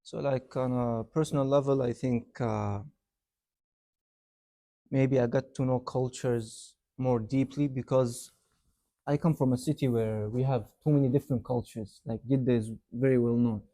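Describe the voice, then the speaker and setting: Young man, dark relaxed voice, rambling. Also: mid-range voice, normal speed. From Yemen, raised in Saudi Arabia. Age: young adult. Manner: relaxed, rambling, many "like" and "you know" fillers. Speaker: interview guest, university student. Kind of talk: casual interview chat.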